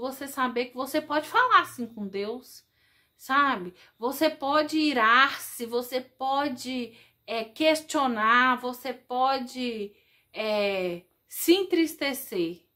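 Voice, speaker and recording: A woman catechist with a Brazilian Portuguese accent gives a religious reflection talk in an animated, conversational way, often turning to her listeners directly. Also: high-pitched, takes it slowly.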